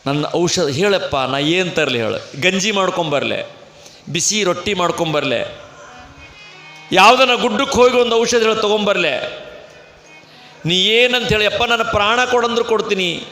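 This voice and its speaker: A devout village woman in a North Karnataka accent begs and pleads over and over, voiced by a man telling a story in a sermon. The voice is bright and a little high. It rings through a reverberant festival sound system with faint noise behind it. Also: measured pace, gravelly, faint music behind, full character voice. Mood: desperate. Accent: North Karnataka Kannada. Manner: beseeching, repeats "yappa".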